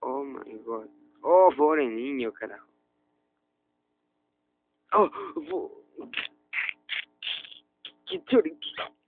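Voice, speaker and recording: A young man doing excitable let's-play commentary, often bursting into loud, high exclamations. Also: drawn-out words, long pauses, slight background noise. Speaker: gaming youtuber. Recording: tinny lo-fi phone-like audio.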